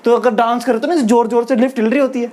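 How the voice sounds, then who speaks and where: A man's voice: extremely high pitch, fairly even intonation, quick pace, a little mellow. A young man doing casual stand-up storytelling as a comedian, chatty and laughing through his own lines. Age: young adult.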